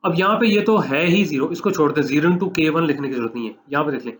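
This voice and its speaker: Male math lecturer, explaining step by step. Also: on the high side. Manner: explanatory, repeats steps, dictates slowly for note-taking.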